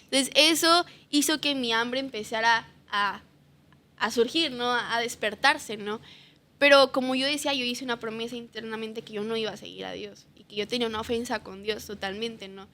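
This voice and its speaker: A woman's voice: a little high, moderate pace, pushed and bright. A young woman earnestly sharing her personal faith testimony as a podcast guest, often ending phrases with a questioning tag.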